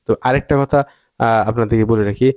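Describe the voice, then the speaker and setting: A man's voice: lowish voice, steady tone, a little fast, a little mellow, dry recording. A man giving an English pronunciation lesson, emphatic and repeating each point and example word to drill it. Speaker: English teacher. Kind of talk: video lesson.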